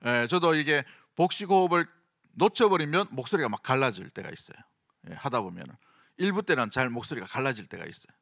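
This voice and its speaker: A man's voice: mid-range voice, sing-song, fast, creaky, bright, forceful tone, dry recording, studio quality. A middle-aged man with a Gyeongsang accent preaching a sermon in a conversational way, often asking the congregation questions. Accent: Gyeongsang Korean. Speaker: senior pastor.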